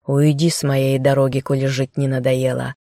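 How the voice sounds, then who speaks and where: A woman voicing a grim, stern man who can turn into a bear, speaking quiet threats. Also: extremely low pitch, flat delivery, moderate pace, no room sound, studio quality, pitched below the performer's own voice.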